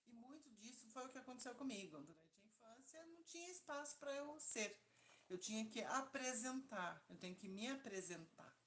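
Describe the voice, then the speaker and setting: A woman from São Paulo, a therapist telling her life story candidly in a casual live chat. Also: mid-range voice. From São Paulo, Brazil.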